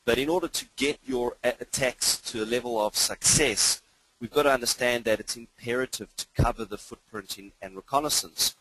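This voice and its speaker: A cybersecurity trainer with a mixed international English accent, hinting at British and South African, presents a live webinar in an informal, enthusiastic yet hesitant way. His mid-range voice is fairly quick, a bit bright and husky, in a rough recording with no room sound.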